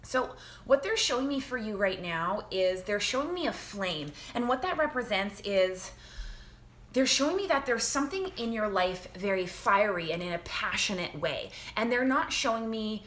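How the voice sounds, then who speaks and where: A woman giving a live spiritual reading from home, talking gently and repeating herself, with many fillers and restarts. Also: mid-range voice, animated, normal speed. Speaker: spiritual reader.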